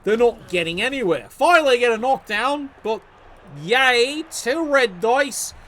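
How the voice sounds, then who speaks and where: A man's voice: extremely high pitch, animated, a little slow, fairly bright tone. A man commentating a video game league match, sarcastic, joking and swearing freely.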